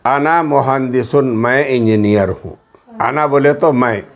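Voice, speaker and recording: Repeating each word and its meaning in a steady classroom drill, an Arabic teacher speaks at a medium pitch. He has a Hyderabadi Urdu accent and blends English words into the lesson.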